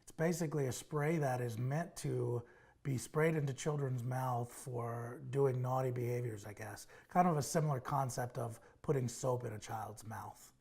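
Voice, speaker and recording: A man's voice: mid-range voice, fairly even intonation, moderate pace, gravelly, darkish tone, slightly rough. A male child behavior clinician hosting a parenting advice show, speaking straight to parents and explaining a strategy step by step. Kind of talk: direct-to-camera parenting advice talk.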